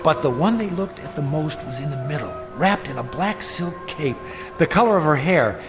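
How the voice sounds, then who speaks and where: A man acting in a radio drama voices a troubled, earnest middle-aged dreamer, speaking over music in a fairly high, animated voice at a moderate pace. He confides in an intense, hesitant, brooding manner, haunted as he recounts events in confessional narration.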